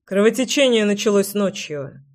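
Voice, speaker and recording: A reader voicing Damien, a calm young man who speaks in a dry way. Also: sits high, normal speed.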